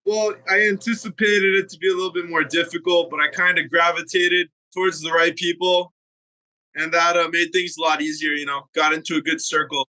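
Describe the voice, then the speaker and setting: A man's voice: fairly high pitch, level tone, a little fast, sharp tone, poor audio. A man from Hawaii, a guest on a podcast, giving brief easygoing answers. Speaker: guest fight analyst. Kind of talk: casual interview answers.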